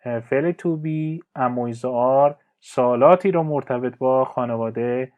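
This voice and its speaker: Guy teaching english, slow careful examples then quick explaining, kinda muffled lo-fi audio. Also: mid-range voice. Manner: reads English example sentences slowly, then translates quickly with fillers. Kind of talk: language lesson explaining phrases. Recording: slightly dull lo-fi audio.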